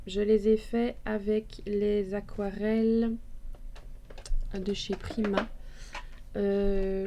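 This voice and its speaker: A woman's voice: medium pitch, gravelly, warm tone, a little hiss or hum. A woman casually explaining her scrapbook page at her craft table, hesitant and full of fillers and restarts.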